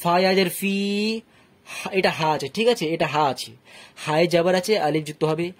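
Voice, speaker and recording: Man, Bangladeshi Bengali accent, patient Quran teacher, slow syllable-by-syllable spelling. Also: a little high. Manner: patient, spells out letters and vowel marks, often asks "ঠিক আছে?". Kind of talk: slow syllable-by-syllable recitation lesson.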